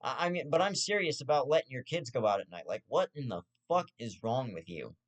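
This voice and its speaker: A man's voice: medium pitch, expressive, a little fast. Profane rambling young man ranting. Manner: profane, rambling, stammering restarts, half-joking. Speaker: host of his own commentary show. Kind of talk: ranting casual commentary.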